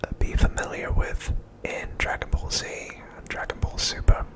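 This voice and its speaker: With no script, an ASMR host whispers through a show-and-tell, airy and unvoiced, keeping everything hushed and relaxed in tempo.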